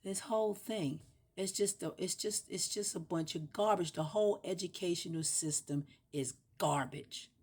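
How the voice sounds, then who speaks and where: A woman with a low voice talks through a loose, rambling monologue. She hammers the same words again and again to make her point, swinging from loud mock outbursts down to near-whispers. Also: normal speed, husky. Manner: breaks into playful shouts and drops to a whisper. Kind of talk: casual spoken monologue.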